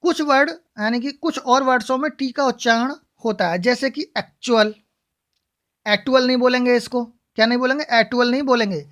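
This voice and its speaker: A woman's voice: fairly high pitch, fairly quick, few pauses, a bit bright. A woman teaching English pronunciation in a classroom style. She asks questions and answers them herself, and spells words out letter by letter.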